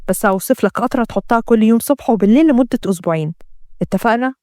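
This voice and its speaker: A woman with an Egyptian accent voicing a kindly male doctor who speaks in a calm, reassuring way. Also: on the high side, very fast, no echo, clean studio sound, close to an everyday voice. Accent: Egyptian Arabic.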